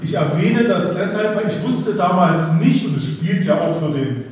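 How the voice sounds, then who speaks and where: A man's voice: high voice, expressive, moderate pace, background noise. A man in his fifties, an association chairman giving a ceremonial speech, reminiscing with some hesitant fillers. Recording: echoey hall from far off.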